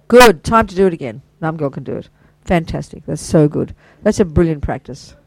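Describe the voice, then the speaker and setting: An older Buddhist teacher talking informally to a small group, gushing with enthusiasm and throwing in asides and praise. The voice sits at a middling pitch and sounds dry and close, with no room echo. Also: vocal fry. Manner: chatty and enthusiastic, full of warm praise and asides.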